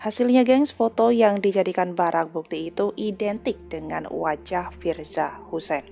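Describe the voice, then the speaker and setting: A woman's voice: lowish voice, normal speed, gravelly, mellow, soft background music. A woman hosting a news channel, reading the news in a chatty way and addressing her listeners informally. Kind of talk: casual news narration.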